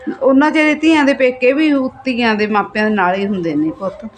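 A woman's voice: a little high, lively intonation, fairly quick, a little hiss or hum, close to an everyday voice. A woman playing a sorrowful, consoling mother. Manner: consoling, mournful. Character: worried caring mother, soft-spoken. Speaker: mother character.

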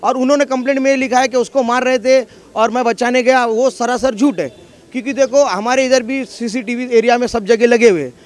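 A man's voice: extremely high pitch, fairly even intonation, brisk. A local man in a street interview, talking insistently and with grievance. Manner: aggrieved, insistent. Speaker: local resident.

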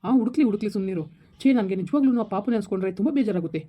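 A woman's voice: mid-range voice, lively intonation, racing. A woman acting in a village family skit, stammering and reassuring. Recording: dull lo-fi recording.

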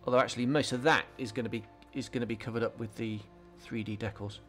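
Talking quickly in a steady, fairly bright mid-range voice, a man hosts a scale modelling tutorial, casually walking through each step with plenty of ums and restarts. It's a relaxed hobby voice-over for his channel, with faint music behind him.

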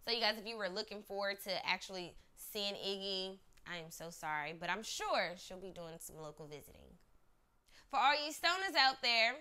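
A woman's voice: medium pitch, lively intonation, normal speed, pushed and bright, clear, resonant tone. A woman hosting a casual entertainment news roundup, chatty and upbeat, talking straight to her viewers. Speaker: host.

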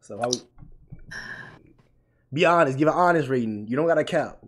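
A man's voice: medium pitch, expressive, normal speed, a bit bright. A man hosting a live video date stream, teasing and talking in slang. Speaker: stream host. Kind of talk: casual stream banter.

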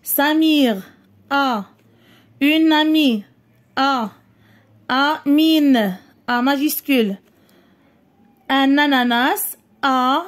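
A woman with a Moroccan accent teaching a primary school French lesson, reading words slowly and deliberately, then explaining quickly. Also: sits high.

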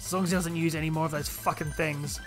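A man's voice: on the high side, little pitch movement, fast talker. Brash male let's-play host, profane trash talk, slightly raised voice, game music under him. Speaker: gaming video host. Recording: game music playing behind voice. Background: video game music and sounds.

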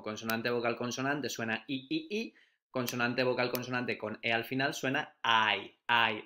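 A male primary school teacher giving a phonics lesson, slowly sounding out and repeating letter sounds. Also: medium pitch, pushed and bright.

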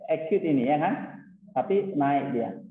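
Slow-talking teacher on a tinny, echoey line. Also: male voice, a little high, lively intonation. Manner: explains slowly, mixing in English terms. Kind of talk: casual classroom lecture. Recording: tinny phone-like, roomy echo.

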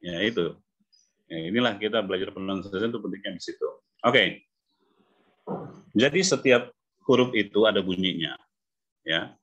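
Indonesian guy teaching phonics over zoom, kinda low voice, dull lo-fi call audio. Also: moderate pace, pauses often, a bit bright, breathy edge. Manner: repetitive, affirming with "ya", demonstrates sounds. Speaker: English coach. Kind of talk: online phonics class. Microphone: video call.

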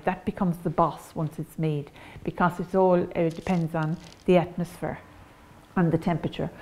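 A woman's voice: fairly low pitch, darkish tone, slight background noise. An older woman with an Irish accent, a bakery owner explaining her trade plainly in a documentary interview, with some fillers. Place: café interior.

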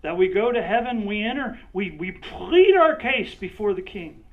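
A man's voice: high-pitched, sing-song, moderate pace. A male pastor preaching a conversational sermon, drawing on listeners by name and checking in with frequent "right?". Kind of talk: sermon with acted-out role-play. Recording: dull lo-fi recording.

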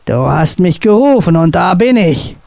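A woman's voice: on the low side, sing-song, moderate pace, creaky, darkish tone, no room sound. A woman reading aloud and voicing a scornful male sea devil monster in a spoken storybook. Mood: gloating. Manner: gloating, scornful.

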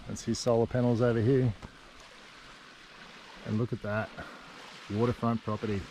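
A man's voice: mid-range voice, moderate pace. Chatty Australian man on a windy beach. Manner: relaxed, chatty, with frequent ums and restarts. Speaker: vlogger. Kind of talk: casual outdoor vlog narration. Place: outdoors on a windy tropical beach. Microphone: action camera held at arm's length. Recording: wind noise from outdoors. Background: wind and lapping water.

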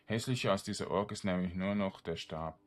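Talking a little fast in a low voice, a man streams a game as a let's player. He chats informally with himself and viewers and reads some game text out loud.

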